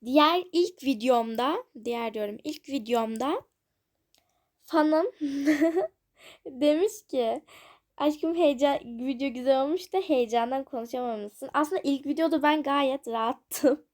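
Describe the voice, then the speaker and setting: A woman's voice: sits high, unhurried, darkish tone. A young woman casually commenting on a café game she is playing, chatting to her viewers with giggly, self-conscious asides. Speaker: gaming channel host.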